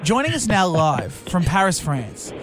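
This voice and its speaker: Jokey male radio host, high voice, light music bed. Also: very animated, measured pace. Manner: cheeky, jokey. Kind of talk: casual radio banter.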